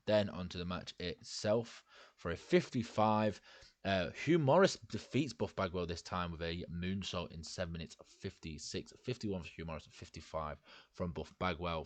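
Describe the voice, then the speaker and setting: A man's voice: sits low, no room sound. A man casually commenting on a wrestling management game as a let's play host, rambling and swearing freely.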